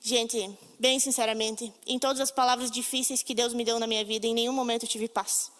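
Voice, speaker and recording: A woman's voice: fairly high pitch, little pitch movement, brisk, a bit bright. A Brazilian woman preaching a sermon, telling stories emphatically and acting out the voices she quotes. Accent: Brazilian Portuguese. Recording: long reverb of a hall.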